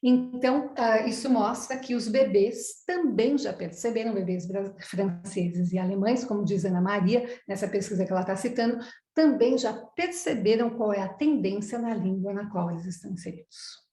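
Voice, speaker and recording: A woman's voice: mid-range voice, moderate pace, warm tone, roomy sound. A middle-aged Brazilian woman giving an online lecture to professionals, explaining things step by step and answering her own questions. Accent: Brazilian Portuguese. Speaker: psychoanalyst lecturer. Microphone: video call.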